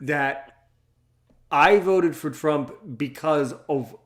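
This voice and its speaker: A man's voice: fairly high pitch, extremely slow. A man in his thirties interviewing a guest, agreeing eagerly and stammering through many restarts. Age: 30s. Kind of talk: casual interview talk.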